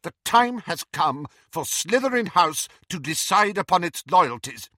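A man voicing a stern, commanding older female professor in an audiobook, brisk and sharp in manner. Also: fairly high pitch, sing-song, no room sound, clean studio sound, voice pushed up, heavily acted. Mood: firm.

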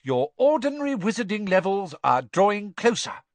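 A man's voice: high voice, very animated, normal speed, no room sound, voice pushed up. A man voicing a stern, formidable older female professor in an audiobook, formal and severe.

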